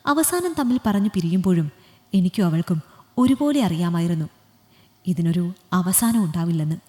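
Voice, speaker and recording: A woman storyteller reading an emotional story in a soft, measured way. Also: mid-range voice. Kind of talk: scripted audiobook narration. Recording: long hall reverb.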